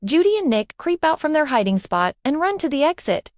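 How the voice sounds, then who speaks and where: A woman's voice: high voice, sing-song, brisk, no room sound, clean studio sound. A woman narrating a storybook and reading every part and cue aloud.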